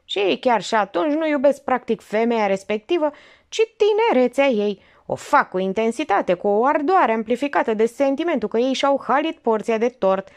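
A woman's voice: high-pitched, animated, voice pushed up. A woman doing a sardonic elderly aunt. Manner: lecturing, cutting and ironic.

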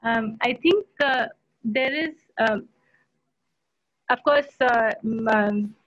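A woman's voice: a little high, takes it slowly, a bit bright, no echo. Hesitant Indian woman on a video call. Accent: Indian English. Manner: hesitant, many fillers and restarts. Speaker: panelist. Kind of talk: online panel discussion. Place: home room. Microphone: laptop webcam on a video call. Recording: muffled video-call audio.

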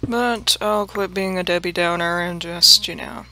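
A woman's voice: on the low side, measured pace, sharp tone, a little hiss or hum. A woman hosting a let's play, chatting casually and mocking herself, swearing freely and dropping into murmured half-whispered asides. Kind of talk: casual gameplay commentary.

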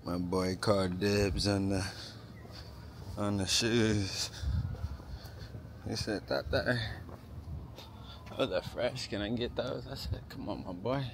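Low-voiced laid-back man vlogging. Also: steady tone, slow pace, long pauses. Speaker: vlogger and father. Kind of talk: casual vlog chat. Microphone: phone at arm's length. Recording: noisy handheld outdoor phone recording.

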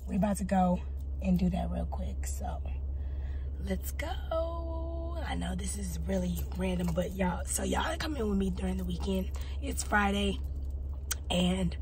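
A young woman vlogging casually, chatty and excitable, switching between loud greetings and whispered asides. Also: medium pitch, moderate pace. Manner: bubbly, chatty, often drops to a whisper. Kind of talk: casual vlog chat. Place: in a car, then indoors at a party. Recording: phone clip with crowd chatter and noise behind. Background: crowd chatter and ambient noise.

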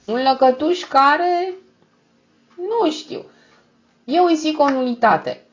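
A woman doing a deaf man with a reedy high voice. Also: expressive, muffled recording. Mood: amused. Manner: high, thin, slow replies. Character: deaf older man with thin angelic voice.

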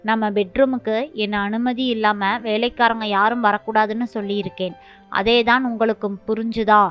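A woman's voice: on the high side, little pitch movement, moderate pace, clean tone, close to an everyday voice. A woman voicing an arrogant young daughter-in-law who talks down with contempt. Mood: scornful. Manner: scornful, contemptuous. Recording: dull lo-fi with faint music.

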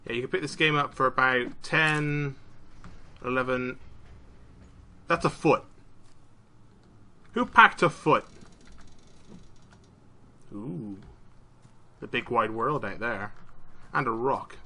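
A British man giving casual let's-play commentary, chatty and prone to excited exclamations. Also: medium pitch, slow pace, pauses often. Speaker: gaming YouTuber. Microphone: desk mic, no camera.

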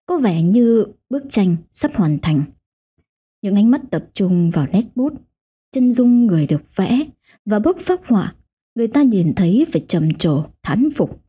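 A woman's voice: mid-range voice, sing-song, unhurried, dark tone, slightly rough. A woman host giving scripted, dramatic narration of a ghost story. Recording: dull lo-fi audio with faint music.

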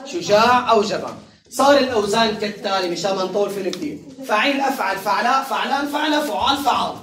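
Picked up by a far-off mic in a spacious classroom with pupils audible behind her, a female Arabic teacher leads a lesson. Her mid-pitched voice is a bit bright, and she works through word patterns slowly and repeatedly while chatting and laughing with the class.

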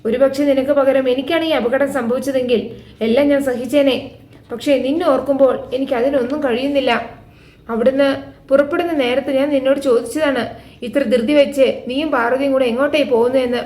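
A woman's voice: high voice, steady tone, a little fast, darkish tone, natural voice. Woman reading as a doting, fretful mother. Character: anxious, doting middle-aged mother, loud in grief. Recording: echoey room.

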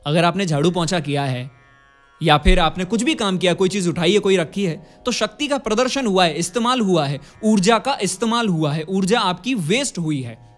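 A man's voice: sits high, expressive, normal speed, faint music behind. A man teaching a singing lesson, explaining step by step and chanting vowel drills for his students to repeat. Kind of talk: vocal lesson.

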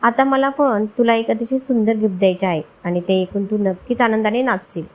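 A woman's voice: a little high, fairly even intonation, fairly quick, natural voice. A woman voicing an affectionate young husband.

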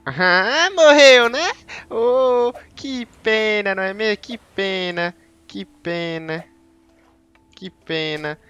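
A man putting on a high, sing-song voice that mock-pities someone in drawn-out baby talk. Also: pushed and bright, smooth, no room sound, dull audio, soft background music, full character voice. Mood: mock pity. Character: cooing mock-pitying man in falsetto.

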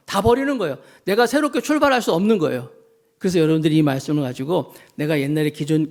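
A male pastor preaching a sermon, speaking emphatically, telling a story with acted quotes and asking the congregation rhetorical questions. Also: high voice.

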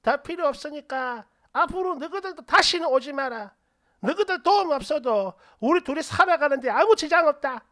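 An old grandmother past ninety yells and reproaches her children, as a woman narrator puts her on. Her voice is high and shrill and jumps around as she scolds. It is a shouted part in a narrated family story. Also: animated, moderate pace. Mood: angry yelling. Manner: yelling, reproachful.

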